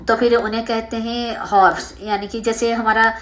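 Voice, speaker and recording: Fairly high-voiced woman teaching science. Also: level tone, a bit bright. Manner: reads textbook lines slowly in English, then explains in Hindi with fillers; asks the students questions and answers them herself. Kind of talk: textbook lesson explained in Hindi and English.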